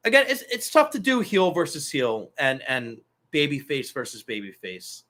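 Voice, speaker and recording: A man's voice: fairly high pitch, sing-song, normal speed, sharp tone. A man hosting a casual wrestling talk show, loose and profane, rambling through asides. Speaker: podcast host.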